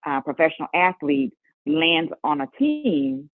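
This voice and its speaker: In a dry, tinny phone-line recording, a middle-aged woman sits low in pitch and speaks in an unhurried way. She is a guest being interviewed, the mother of an NBA player, and she tells lively stories with frequent laughs.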